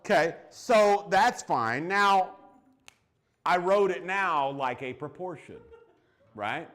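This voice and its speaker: A man in his forties teaching math in a classroom, talking through problems in a chatty, encouraging way. His voice sits a little high for a man, and he drops in joking asides with his students. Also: animated, takes it slowly, fairly bright tone. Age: 40s.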